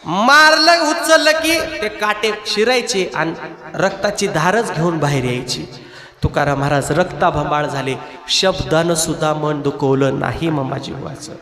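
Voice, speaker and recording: A man preaching a devotional kirtan sermon, telling a saint's story with lively calls and asides to the crowd. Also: a little high, unhurried. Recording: echoey hall with long reverb.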